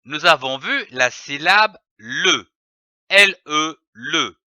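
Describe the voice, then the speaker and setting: Man slowly spelling out syllables. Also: a little high, animated, pushed and bright, no echo, lo-fi sound. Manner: slow, carefully spelled-out syllables. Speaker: reading teacher. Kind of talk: slow phonics lesson for children.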